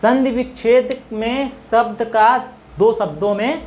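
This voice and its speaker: A man's voice: extremely high pitch, fairly even intonation, takes it slowly, a little mellow, dull audio, slight background noise. A man teaching a Hindi grammar lesson for exam preparation, asking questions and often checking in with the students. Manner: repeats filler confirmations and asks students questions.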